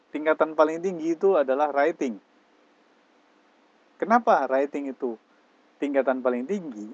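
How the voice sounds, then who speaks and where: Man, English teacher, step-by-step explanation, mid pitch, slightly dull recording. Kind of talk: classroom lecture.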